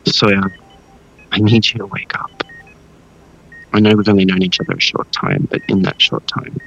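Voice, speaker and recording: An actor playing an anxious, devoted, haunted man in an audio drama, earnest and worried, with a husky voice. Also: sits low, animated, moderate pace, a bit bright, highs cut off, full character voice. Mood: worried, pleading.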